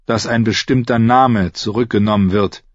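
A man voicing a calm, mysterious foreign assassin in an audiobook, speaking slowly and formally about himself in the third person. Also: on the low side, dry recording, dull audio, lightly acted. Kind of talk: audiobook character voice.

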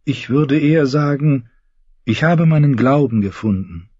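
A man voicing a gaunt, guilt-ridden young zealot who preaches fervently in a raised, husky voice. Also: medium pitch, lively intonation, measured pace, a little mellow, no room sound, muffled recording, pitched above the performer's own voice. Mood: pious pleading. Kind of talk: audiobook reading.

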